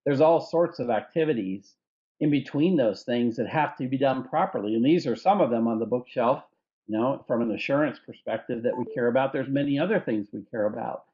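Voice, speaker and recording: A man's voice: mid-range voice, brisk, highs cut off. A man hosting a conversational discussion, eagerly affirming his guest before adding his own views. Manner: affirming, enthusiastic interviewer. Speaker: company CEO and host.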